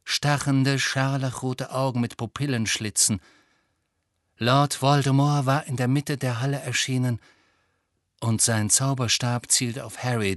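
A man narrating a fantasy audiobook in a slow, lively storytelling manner. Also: mid-range voice, no echo, studio quality. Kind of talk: scripted narration.

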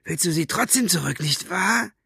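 A man's voice: sits high, moderate pace, creaky, sharp tone, breathy edge, dry recording, studio quality, voice pushed up, exaggerated voice. A man voicing a sneering, brutal male henchman who taunts in a gloating way. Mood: gloating menace.

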